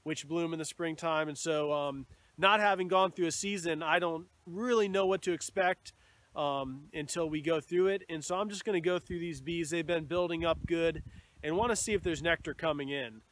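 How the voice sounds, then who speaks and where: Holding his phone at arm's length, a beekeeper in his thirties chats through a relaxed lesson at his bee yard, with fillers throughout. He speaks at a normal speed in a fairly high pitch, over faint outdoor noise.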